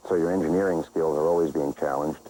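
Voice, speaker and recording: A man gives casual interview answers in a low, mellow voice. He talks quickly, with faint noise in the recording. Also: steady tone, low-quality recording.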